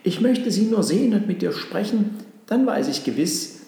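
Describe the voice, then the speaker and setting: A man's voice: high-pitched, big pitch swings, moderate pace, gravelly, mellow, heavy reverb, big-room sound, pitched above the performer's own voice, exaggerated voice. A man voicing the eldest of three reformed robbers in a storybook, weary and longing.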